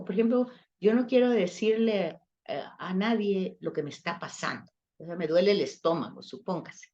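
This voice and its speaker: A woman's voice: mid-range voice, a little mellow, muffled recording. A woman leading a church study session, explaining patiently with everyday examples and speaking directly to her listeners. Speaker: Bible class teacher.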